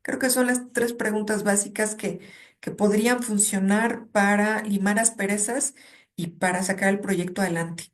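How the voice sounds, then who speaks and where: A woman's voice: mid-range voice, fairly even intonation, moderate pace. A woman, a guest academic who speaks in a reflective, conversational way and illustrates her points with personal anecdotes. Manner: reflective, tells stories and checks in with '¿no?'.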